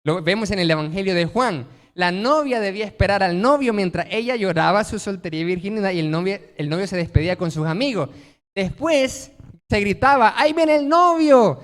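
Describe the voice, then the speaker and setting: A man's voice: high voice, fast, hardly any pauses, fairly bright tone, in a large hall. A man preaching a sermon as pastor, emphatic, posing rhetorical questions and answering them himself.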